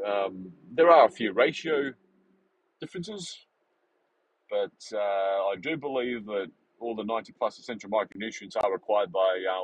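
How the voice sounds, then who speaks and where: A man in his forties hosting a podcast, talking in a rambling, animated way with many fillers and restarts. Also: fairly low pitch, breathy edge, no echo, low-quality recording. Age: 40s. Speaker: podcast host. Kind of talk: casual unscripted monologue.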